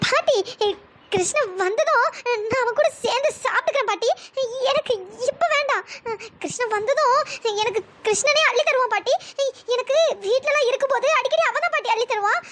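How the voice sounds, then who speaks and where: Voice actor doing a squeaky, lovesick cartoon girl. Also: brisk, fairly bright tone. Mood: wistful. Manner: pleading, repeatedly asking questions. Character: lovesick young woman pining for her sweetheart. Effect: pitch-raised voice. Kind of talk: cartoon storytelling dialogue.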